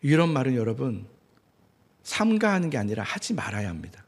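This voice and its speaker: Animated husky-voiced male pastor preaching. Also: medium pitch, a little fast. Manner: animated, acts out quoted speech. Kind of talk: sermon. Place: church sanctuary. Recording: church hall reverb.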